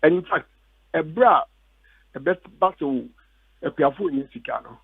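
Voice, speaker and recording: A man's voice: a little high, expressive, moderate pace, gravelly, slightly rough. A Ghanaian man, a cocoa board official, arguing insistently as a phone guest in a heated radio debate. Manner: insistent, repeats words when cut off. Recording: tinny phone line.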